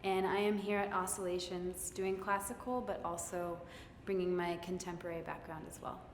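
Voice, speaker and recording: A woman ballet dancer from Los Angeles introduces herself in a brief, friendly way, her slightly low voice set back from the mic. The sound bounces around a large echoing hall with long reverb and faint ambient noise. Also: level tone, moderate pace. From Los Angeles, United States. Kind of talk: short self-introduction.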